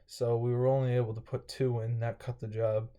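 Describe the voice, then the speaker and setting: A young vlogger runs through his day in an offhand, meandering way, full of fillers and false starts, his throat a bit dry. His mid-range voice is warm and level, and he talks fairly quickly.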